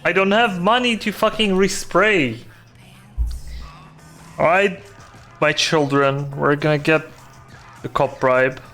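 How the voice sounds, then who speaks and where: Russian-accented guy streaming a game, offhand cussing, slightly high voice, game music faint. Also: takes it slowly, long pauses, a bit bright. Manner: swearing offhand remarks. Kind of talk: casual gameplay commentary.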